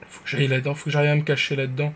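A man streaming a game live, talking to himself, jumping between hushed nervous murmurs and loud excited outbursts. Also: fairly high pitch, very fast, slight background noise. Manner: jittery, talks to himself, whispers when nervous. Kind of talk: live gameplay commentary.

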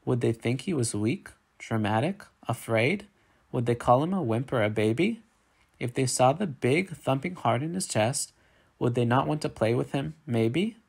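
This man narrates a children's picture book with expressive, unhurried storytelling. He has a mid-range voice marked by vocal fry and a breathy edge.

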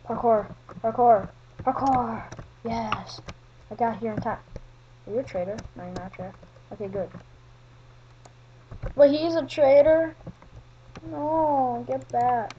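A woman giving solo video game commentary, chatting at other players and swinging from mumbled asides to excited yelling. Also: fairly high pitch, muffled recording, a little hiss or hum. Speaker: gaming commentator. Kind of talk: solo Minecraft gameplay commentary.

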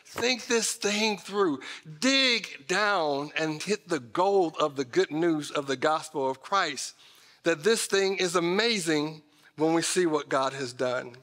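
Speaking slowly in a slightly high, expressive and somewhat bright voice, a middle-aged American pastor delivers an emphatic, conversational sermon. He talks straight to his congregation, dropping in folksy asides, from the stage of a big indoor church auditorium, and the hall's reverberation comes through in the recording.

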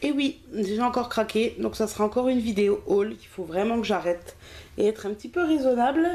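Lady rambling about her craft haul, mellow voice, lots of little pauses. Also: a little high. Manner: chatty, self-deprecating, frequent hesitations. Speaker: craft vlogger. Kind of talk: casual haul video.

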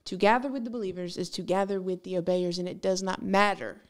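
A woman in her early thirties co-hosting a faith podcast, talking frankly and emphatically with quick asides, on a boom mic in a small studio. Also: fairly even intonation. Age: 30s. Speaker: podcast co-host. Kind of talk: casual faith podcast conversation. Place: small studio room, indoors. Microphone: desk mic on boom arm.

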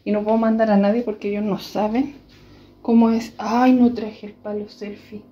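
A woman's voice: mid-range voice, flat delivery, moderate pace, dark tone, lo-fi sound. A Chilean woman chatting casually to her viewers in a home cooking vlog from her kitchen. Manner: chatty, addresses viewers directly and often. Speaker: vlogger.

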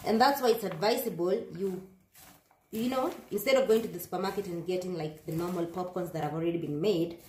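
A woman's voice: on the low side, a little fast, darkish tone, reverberant, slight background noise. Chatty young woman cooking at home. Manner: chatty, mixes Swahili into English. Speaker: cooking vlog co-host. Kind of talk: casual cooking demonstration. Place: home kitchen, indoors.

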